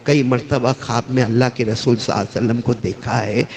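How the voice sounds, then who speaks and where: A man preaching a sermon. He swings between high, shouted peaks and low, quiet drops, and calls questions out to his listeners. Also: fairly even intonation. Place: gathering with a live audience. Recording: crowd audible behind.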